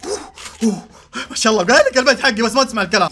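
A man's voice: very high-pitched, very animated, racing, noisy background. A young man giving live gameplay commentary, frantic, yelping and pleading. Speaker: gaming YouTuber.

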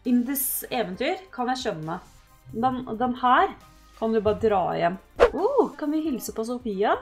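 A woman giving casual let's-play commentary, excitable and yelping at her game characters. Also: a little high, soft background music. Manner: excitable, yelps and shouts at the characters. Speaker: gaming host.

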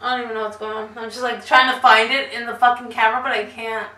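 Bright high young woman, self-mocking. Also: level tone, fast. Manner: mumbling, swears casually, self-mocking. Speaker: vlog co-host. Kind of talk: casual tipsy chat. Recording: echoey room, camera mic from a distance, faint noise.

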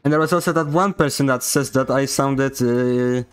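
With a clear, resonant, mid-range voice at normal speed, a young man from Poland narrates his gameplay in a Polish accent. The casual commentary is joking, sarcastic and mock-indignant.

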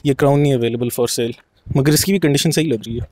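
A man's voice: medium pitch, quick pace, a little mellow, dry recording. A young man walking through an outdoor car lot, chatting as he explains things to the camera, with English phrases mixed in. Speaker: vlogger. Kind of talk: casual walk-through commentary.

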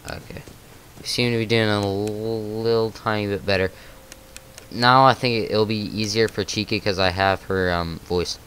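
A man with a slightly low voice talks through a video game as he plays it. He thinks aloud, breaking into nervous little exclamations. A faint hiss sits under the recording. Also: fairly even intonation, normal speed, a bit bright. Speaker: gaming channel host. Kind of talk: let's play commentary.

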